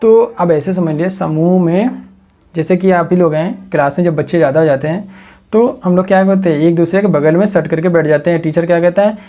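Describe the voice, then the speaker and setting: A man's voice: sits high, a little fast, warm tone. A man teaching an exam coaching lecture, asking the class questions and answering them himself while building memory tricks from words.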